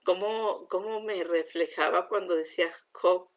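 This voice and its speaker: A middle-aged woman gives a heartfelt religious testimony, often sinking into a soft, near-whispered voice. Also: fairly low pitch, measured pace.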